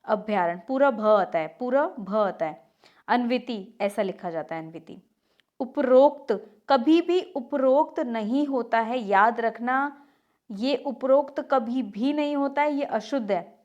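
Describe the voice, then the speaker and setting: A woman's voice: on the high side, animated, a little slow, darkish tone, highs cut off. A woman teaching Hindi spelling for exams, correcting word after word and asking questions she answers herself. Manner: drills corrections, asks and answers own questions; has listeners repeat words aloud. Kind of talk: exam-prep lesson.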